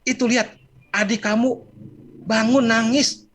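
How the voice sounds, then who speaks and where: A man's voice: very high voice, little pitch movement, a little slow, fairly bright tone, soft background music, voice pushed up, heavily acted. A man voicing a busy mother who coaxes and scolds her son in a children's story. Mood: pleading. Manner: coaxing, exasperated.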